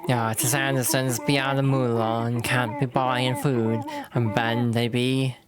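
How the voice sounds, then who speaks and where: A woman voicing a gruff, boastful old pirate sailor in a mock pirate accent, like a salty old fisherman in a video game. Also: very deep voice, level tone, a little slow, crowd noise. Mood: mournful storytelling. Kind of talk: reading video game dialogue in character. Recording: clear game music behind the voice.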